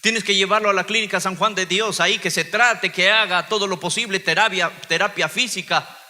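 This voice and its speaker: A man's voice: high voice, steady tone, brisk, bright, forceful tone, long reverb tail. A man, a pastor, giving an impassioned sermon testimony, his voice swelling and dropping.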